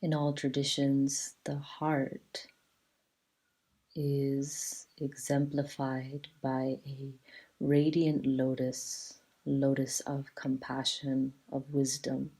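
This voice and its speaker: A woman guides a yoga relaxation in a soothing, measured way, leaving long pauses between short phrases. Her voice is rumbling, low, and monotone, dark in tone and slightly rough, and the recording itself is rough.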